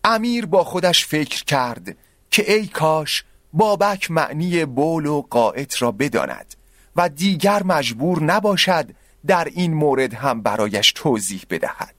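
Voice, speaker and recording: A man narrating a scripted story with expressive delivery. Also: a little high, dry recording, clean studio sound.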